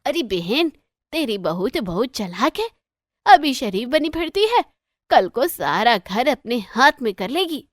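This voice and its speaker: A woman's voice: on the high side, sing-song, a little slow, no room sound, clean studio sound. A woman voicing a jealous, scheming middle-aged neighbour in a cartoon story, speaking insinuatingly.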